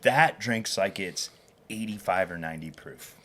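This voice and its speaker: A man chatting casually at a whiskey tasting, talking in a relaxed, rambling way with restarts. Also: low-pitched, a little slow. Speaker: guest whiskey collector.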